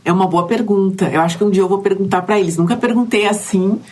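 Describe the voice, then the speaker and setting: A woman's voice: mid-range voice, fairly even intonation, fast, a little mellow. A Brazilian woman, a chemistry teacher being interviewed, answering in a thoughtful, slightly hesitant way. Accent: Brazilian Portuguese.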